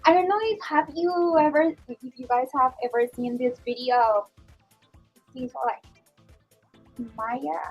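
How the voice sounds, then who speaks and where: A woman's voice: high voice, a little slow, long pauses, slightly rough, soft background music, poor audio. A young woman chatting on a school radio show, filling her talk with "like". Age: young adult. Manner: chatty, leans on "like" as a filler. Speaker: student guest on school radio. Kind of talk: casual chat.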